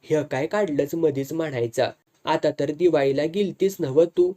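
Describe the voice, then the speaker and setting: Give me a quick-tempered village farmhand with speech, blunt and rough, voiced by a storyteller. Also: medium pitch, warm tone, lightly acted. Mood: gruff. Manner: gruff, blunt rustic speech.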